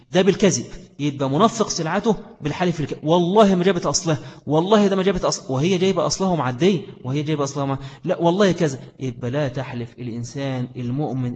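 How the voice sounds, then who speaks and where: A man's voice: fairly high pitch, darkish tone. A man with an Egyptian Arabic accent giving a religious lesson, stressing points by repeating phrases and asking rhetorical questions. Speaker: preacher. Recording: long hall reverb.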